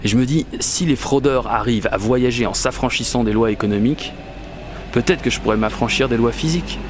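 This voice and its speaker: Brisk and medium-pitched, a man voices an obsessive, whimsical Parisian who confides, determined, about a magical commuting quest in a first-person radio fiction monologue. His natural delivery is colloquial and self-mocking, with city and train ambience making the background noisy.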